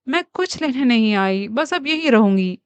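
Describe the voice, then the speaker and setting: A woman reading the part of a selfish, stubborn young wife who talks defiantly and loudly. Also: fairly high pitch, lively intonation, clean tone, no room sound, close to an everyday voice. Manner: pleading then defiant, loud.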